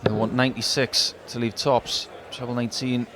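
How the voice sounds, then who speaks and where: A man's voice: medium pitch, level tone, normal speed, a bit bright. A man giving analytical, chatty live commentary as a darts co-commentator. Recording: crowd noise behind commentary. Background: darts crowd.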